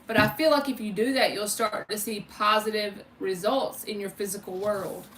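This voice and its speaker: Her voice is mid-range, bright, and sharp, holding a steady tone at a moderate pace as she hosts a tarot livestream. She chats casually, names viewers directly, swears a little, and gives spiritual readings. The sound is echoey and distant, with faint noise.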